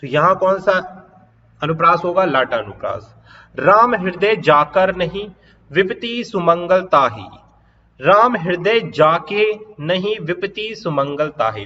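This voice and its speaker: A man teaching an exam-prep grammar lesson, repeating key points, checking if students follow, and reading examples slowly. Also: fairly high pitch, long reverb tail, dull audio. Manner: repetitive, checks understanding, drawn-out example lines.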